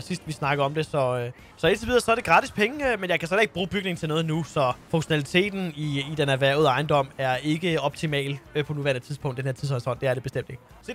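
A man's voice: a little high, a bit bright. A man role-playing a bus driver in a game, chatty and boisterous, with mild swearing. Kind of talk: casual in-character role-play chat.

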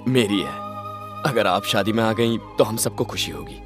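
A man acting a soft-hearted young groom in a dubbed film drama. His voice moves up and down in a lively way, and clear music plays behind him. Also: on the low side, normal speed, close to an everyday voice. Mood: polite.

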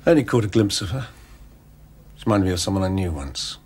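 An actor playing an earnest man who is quick to indignation. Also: low voice, expressive, a little mellow, slightly rough. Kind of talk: period TV drama acting.

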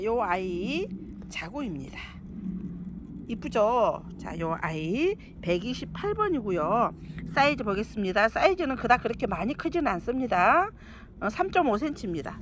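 Brief: woman, somewhat high and very lively voice, cheerful seller fussing over each plant and listing prices. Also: noisy background. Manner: chatty, doting, calls plants "아이"; counts off lot numbers and prices. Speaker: succulent seller. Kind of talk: live sales presentation.

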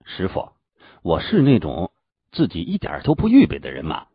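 A man's voice: low-pitched, huge pitch swings, normal speed, vocal fry, husky, no room sound, exaggerated voice. A man voicing a good-humoured young male hero who jokes lightly, in a dull, dry recording. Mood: joking. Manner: joking, warm-hearted.

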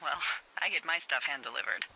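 A wry radio lookout boss. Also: female voice, low-pitched, brisk, over a noisy crowd, low-quality recording. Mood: teasing. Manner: dry, teasing, chatty. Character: wry teasing woman fire lookout supervisor on radio. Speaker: game character. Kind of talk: video game voice acting.

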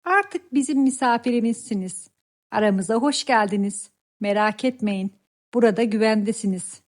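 A woman's voice: on the high side, moderate pace, natural voice. A woman voicing a wise, kind grandmother frog who soothes the young ones in a children's story. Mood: soothing. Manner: soothing, reassuring.

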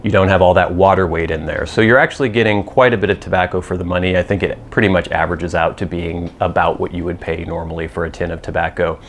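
A man's voice: low-pitched, steady tone, quick pace, few pauses, slight background noise. A man in his thirties talking to camera in an informal, matter-of-fact product review, explaining details as he goes. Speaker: pipe tobacco reviewer. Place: small indoor room with cloth backdrop. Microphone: lapel mic.

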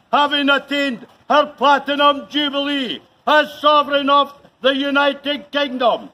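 A man cries out a proclamation as town crier. His voice is pitched extremely high and rings out forcefully and brightly. He takes it very slowly, phrase by formal phrase, out in the open. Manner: bellowing, declamatory, formal, in short measured phrases. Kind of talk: loud ceremonial proclamation. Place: outdoors in a paved shopping precinct. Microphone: camera a few metres away.

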